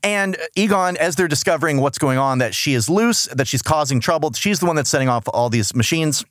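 A man's voice: on the high side, expressive, a little fast, fairly bright tone, no room sound, clean studio sound. A man co-hosting a casual comedic recap chat, rambling and jokey, often correcting himself. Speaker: podcast co-host reviewing a cartoon.

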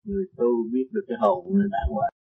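A man, a meditation teacher counseling a disciple, gentle and teasing, speaking in short maxims. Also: sits high, lively intonation, quick pace, gravelly, slightly rough. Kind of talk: spiritual counseling. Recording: tinny lo-fi tape.

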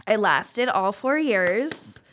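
A woman's voice: mid-range voice, sing-song, slow, a bit bright, a little hiss or hum. A young woman in her twenties chats openly on a podcast about her years as a college swimmer. Her talk is loose and conversational, packed with "like" and "you know.". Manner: heavy use of "like", chatty and candid. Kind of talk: casual chat.

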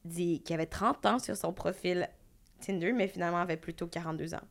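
A woman's voice: lowish voice, a little fast, gravelly. A woman with a Quebec French accent co-hosting a casual podcast, playful, swearing freely and mixing in English. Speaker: podcast co-host.

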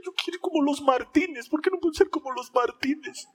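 A man's voice: extremely high pitch, fairly quick, a bit bright, pitched above the performer's own voice. A man voicing a worn-out, envious parent who complains in a whiny, plaintive tone. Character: worn-out parent whining about envy.

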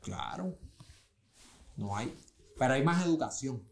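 A man talks casually in a studio, his voice pitched mid-range for a man. He tells stories loosely and slangily, often restarting his sentences. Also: expressive, measured pace, gravelly. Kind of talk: casual chat. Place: recording studio.

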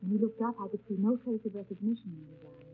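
Young governess, quiet, serious and plain-spoken, vintage 1930s radio drama, narrow phone-like sound. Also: female voice, mid-range voice, fast, breathy edge. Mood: reflective narration. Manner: restrained, demure, earnest. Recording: narrow, tinny 1930s radio recording, music behind.

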